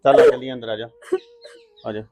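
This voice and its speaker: Male actor as a soft-spoken, consoling older brother; mid-range voice; slightly muffled audio. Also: mid-range voice, steady tone, a little fast, slight background noise, lightly acted. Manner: soothing and coaxing. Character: gentle elder brother consoling his sister. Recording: slightly dull recording.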